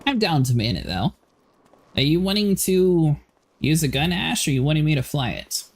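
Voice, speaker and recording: A man's voice: fairly high pitch, expressive, normal speed. Chatty man hosting a gaming stream. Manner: chatty, laughs often, many "like" fillers. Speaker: livestream host. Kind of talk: casual gaming chat.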